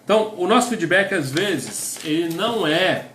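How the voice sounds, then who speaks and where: In an echoey room with a little background noise, a middle-aged Brazilian man delivers a conversational sermon to couples. As a pastor, he speaks with a high-pitched, expressive, slightly bright voice at normal speed and a Brazilian Portuguese accent, reading definitions aloud and often tagging his lines with "né?"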